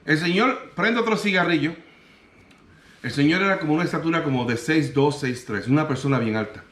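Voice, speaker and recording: A Puerto Rican man tells a story from his own life, acting out each line of it with a lot of life. His voice sits a little high for a man, and the room around him has a roomy echo. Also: a little fast. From Puerto Rico. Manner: animated, acts out the other people's lines in his story. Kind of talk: casual personal storytelling.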